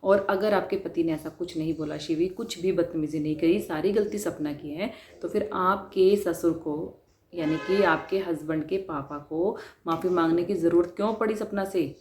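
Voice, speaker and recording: A woman's voice: fairly low pitch, moderate pace, darkish tone. A woman vlogger giving an earnest, questioning commentary on a dispute. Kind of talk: spoken commentary. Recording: roomy with faint noise.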